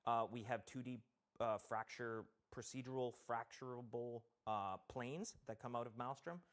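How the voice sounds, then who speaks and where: A man's voice: medium pitch, normal speed. A man from Canada, a game developer guest on a talk show, explaining technical systems in detail and thinking aloud as he goes.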